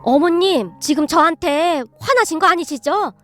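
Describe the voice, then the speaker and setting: A woman's voice: extremely high pitch, moderate pace, faint music behind. A woman voicing a timid middle-aged mother-in-law who earnestly practices sounding fierce. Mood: eager. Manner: eager, earnest, practiced shouting.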